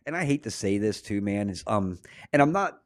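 A man's voice: fairly low pitch, very animated, a little fast, no room sound. Rambling man in his forties, dry sound. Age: 40s. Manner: rambling, peppers talk with "man". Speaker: podcast host. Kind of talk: casual conversation.

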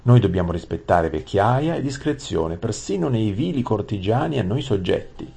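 A man voicing a calm old king who speaks in stately, measured proverbs. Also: lowish voice, creaky, slightly rough, pitched above the performer's own voice, heavily acted.

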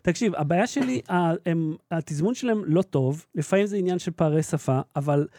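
A man in his thirties with an Israeli accent, co-hosting a podcast in casual, animated chat. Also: fairly high pitch, no echo, studio quality. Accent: Israeli Hebrew. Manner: animated, ranting. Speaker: podcast co-host.

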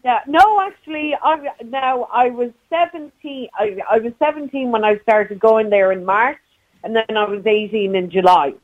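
A dull, band-limited phone-in recording of a middle-aged woman with a west of Ireland accent. Her voice sits fairly high. She chats in a loose, colloquial way, reminiscing as a caller to a radio show. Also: normal speed. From County Clare, west of Ireland. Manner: chatty, colloquial. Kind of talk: casual chat, reminiscing. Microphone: phone call to a radio show. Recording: dull, muffled call-in line.

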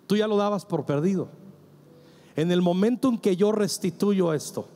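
A man's voice: high-pitched, normal speed, mellow. A man preaching a sermon as a pastor, emphatic and calling on the congregation to answer him. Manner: emphatic, acts out quoted dialogue, asks congregation to answer. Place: church with congregation.

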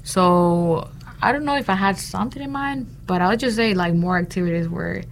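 Gravelly young woman from Honduras. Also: on the low side, fairly quick, a little hiss or hum. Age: young adult. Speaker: interview guest, international student. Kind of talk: casual interview chat.

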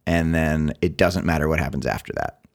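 A man's voice: very deep voice, fairly even intonation, a little fast. A man co-hosting a podcast, giving earnest advice in a casual chat and riffing playfully. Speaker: podcast co-host.

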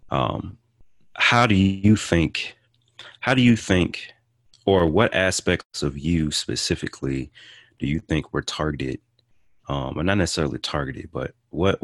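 A man with an extremely low voice hosting an interview, feeling his way through each question with ums and restarts. The recording is dry and close. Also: dry recording. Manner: hesitant, many ums. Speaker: host. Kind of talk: podcast interview.

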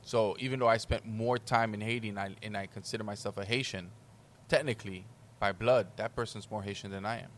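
A man's voice: lowish voice, fairly even intonation, fairly quick, few pauses, fairly bright tone, slight background noise. A man from Hispaniola, a podcast guest talking casually and explaining things at length, with lots of "like". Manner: rambling explanations peppered with "like".

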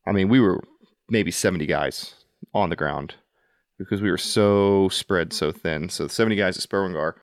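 A man with a deep, low voice speaks in an earnest, reflective way, often restarting his sentences. He sounds dry and close, like a podcast host at the mic. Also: moderate pace, clear, resonant tone, no echo. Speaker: podcast host, Army veteran. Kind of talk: casual conversational interview.

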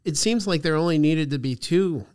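A man's voice: on the high side, moderate pace, a little mellow, smooth. A man co-hosting a podcast with casual, wry, playful banter and short interjections. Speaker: podcast co-host.

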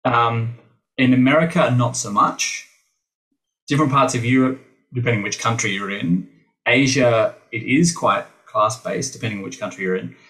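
A man's voice: medium pitch, normal speed, pushed and bright, rough recording. Thoughtful Australian man, voice teacher. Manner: thoughtful, full of restarts, acts out quoted teachers. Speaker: actor and voice teacher, guest. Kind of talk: podcast interview.

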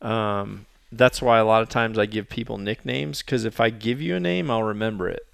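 A man's voice: fairly low pitch, moderate pace, vocal fry, fairly bright tone, no echo, clean studio sound. A man hosting a casual podcast chat, rambling and self-deprecating with lots of fillers.

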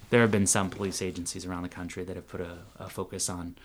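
A man's voice: sits low, fairly even intonation, fast talker, slight background noise. A man running for city council, talking casually and sarcastically in a podcast interview, often laughing at his own jokes.

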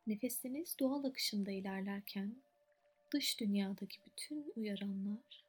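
A woman leads a guided meditation in a soft, soothing voice at a middling pitch. She speaks in short, unhurried phrases with long pauses, like scripted relaxation narration. Faint music plays behind her. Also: breathy edge.

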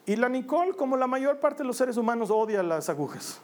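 A man, preaching a personal testimony in an earnest storytelling manner, slowing down on key phrases. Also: very high-pitched, very animated, a little mellow.

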